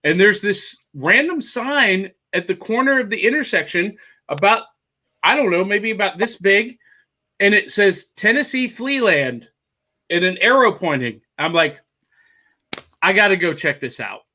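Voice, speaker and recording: On a video call, a man co-hosting a casual chat talks eagerly and rambles while showing off things he found. His voice is high, animated and sharp, and he speaks a little slowly.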